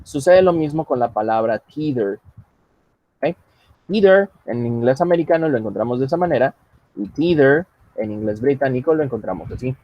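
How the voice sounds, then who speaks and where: A man's voice: medium pitch, expressive, normal speed, lo-fi sound. A man teaching English over a video call, patient and joking, switching between English and Spanish. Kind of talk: online class, bilingual teaching. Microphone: computer mic on a video call.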